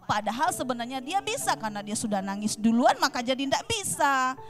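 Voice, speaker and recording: High-voiced woman telling a children's Bible story. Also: brisk, faint music behind. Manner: animated, addresses children directly with questions; acts out short quoted lines in the story. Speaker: Sunday school teacher.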